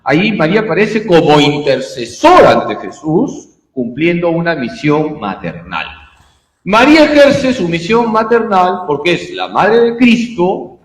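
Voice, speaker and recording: Priest lecturing with lively pitch in echoey hall. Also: male voice. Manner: animated, rhetorical questions and answers. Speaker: priest teaching catechism. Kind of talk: catechism class lecture. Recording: echoey hall, long reverb.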